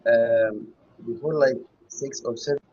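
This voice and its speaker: A man calling into a show over a bad connection that keeps cutting out. He is not a native English speaker and talks in a hesitant, halting way with many pauses and restarts. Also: mid-range voice, steady tone, darkish tone. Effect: bad connection, mic cutting out. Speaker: guest caller. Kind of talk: casual chat. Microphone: online video call. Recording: muffled, dropping online call audio.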